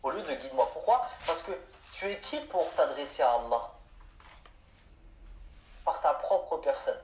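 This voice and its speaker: Speaking unhurriedly, a male Arabic teacher explains grammar by asking questions and supplying the answers himself. He sounds slightly high and slightly mellow, with an expressive delivery. The recording is dull and echoey, with slight background noise.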